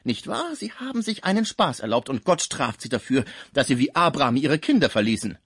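A loud, meddlesome old concierge woman, as a male reader puts her on, squealing up high and swooping wildly as she nags. The voice is husky and sits close and dry. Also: very animated, a little fast, no room sound, exaggerated voice. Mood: mocking nagging. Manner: shrill, nagging, high and loud. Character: scolding gossipy older female concierge.

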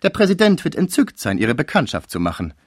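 A stiff society matron, gushing with politeness in a raised, lively voice, as a male narrator puts her on. Close, dry audiobook sound. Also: a little high, fairly quick, slightly rough, no room sound, voice pushed up, heavily acted. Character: older socially ambitious mother, stiff and eager.

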